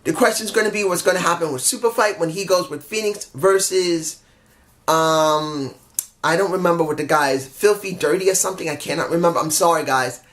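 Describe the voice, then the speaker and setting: Talking a little fast in a fairly high, slightly bright voice, a man reviews a wrestling show solo while nursing a stuffy head cold. It's casual and rambling, with frequent self-corrections, apologies for confusing things, and frustrated grumbling on the side.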